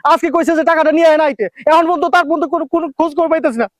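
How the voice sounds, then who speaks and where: A fretful, impatient married man in a family drama. His high voice rushes along very fast, agitated and repeating itself, in a dry recording with faint music behind. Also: no echo. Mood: despairing worry. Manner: repetitive, agitated, colloquial. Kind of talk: Bengali family TV drama acting.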